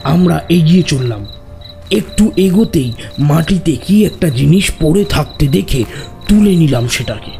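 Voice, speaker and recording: A man playing a gravelly, grave tantric storyteller. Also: a little high, animated, mellow. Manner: slow, grave, measured. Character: gruff older male tantric storyteller. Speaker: tantric narrating his tale. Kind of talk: audio drama narration. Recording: music and crickets behind.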